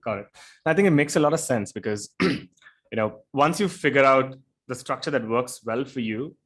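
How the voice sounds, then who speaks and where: Male podcast host, medium pitch, casual and halting as he frames questions. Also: fairly bright tone. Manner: halting, repeats words while forming questions. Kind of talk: casual interview chat.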